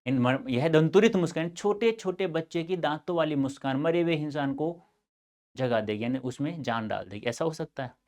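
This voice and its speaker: A man teaching a Hindi exam lecture to students, explaining and mixing in lively, fatherly advice. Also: a little high, normal speed. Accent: North Indian Hindi. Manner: addresses students as beta, lively asides and advice.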